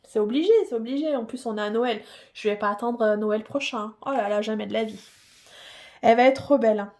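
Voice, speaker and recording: A woman's voice: fairly high pitch, fairly even intonation, fairly quick, darkish tone. A woman hosting a casual unboxing vlog who gushes and repeats herself, with many hesitant fillers. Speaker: hobby channel host.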